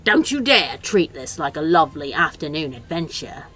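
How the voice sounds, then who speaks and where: Woman playing a low-voiced scolding demon man. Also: sing-song, moderate pace, a bit bright, breathy edge, heavily acted. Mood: exasperated. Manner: dry, exasperated, scolding. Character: sardonic bossy male demon, worldly. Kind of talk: fan audio drama.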